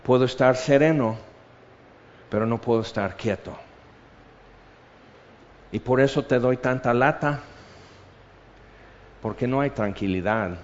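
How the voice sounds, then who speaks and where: A man preaching a sermon with passion, moving from loud emphatic lines to hushed intensity, full of repetition and rhetorical questions. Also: mid-range voice, slight background noise. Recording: dull lo-fi sermon recording.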